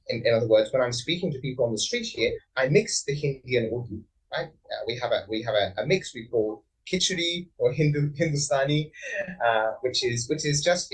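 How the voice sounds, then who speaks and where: A man's voice: medium pitch, breathy edge, distant mic, low-quality recording. An Australian man speaking on a conference panel, thoughtful, with many fillers and restarts.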